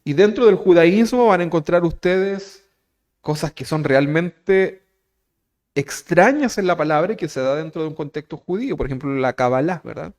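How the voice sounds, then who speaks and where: A man's voice: fairly high pitch, normal speed, a little mellow. A man with a Chilean Spanish accent preaching a teaching sermon, talking conversationally and often checking in with his listeners. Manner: conversational, keeps asking "¿verdad?"; asks the congregation direct questions. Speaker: pastor.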